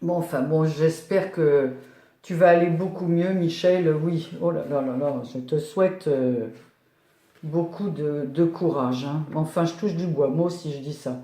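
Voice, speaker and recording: An older woman talks casually while opening letters at home, drifting from thought to thought with plenty of fillers. Her voice is warm and mellow. The room around her rings with a noticeable echo. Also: low-pitched, unhurried. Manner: chatty, rambling, many fillers and "voilà". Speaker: scrapbooking YouTuber. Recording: echoey room.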